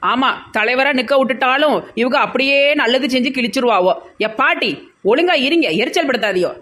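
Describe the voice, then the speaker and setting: A woman's voice: sits high, fairly quick, a bit bright. A woman with a Tirunelveli Tamil accent in a village comedy sketch, talking insistently and gossiping.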